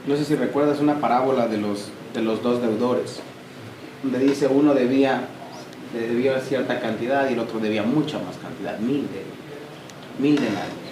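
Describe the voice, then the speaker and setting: A man giving an emphatic, animated church talk, speaking straight to his listeners. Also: mid-range voice, normal speed. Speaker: preacher. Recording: echoey church room with noise.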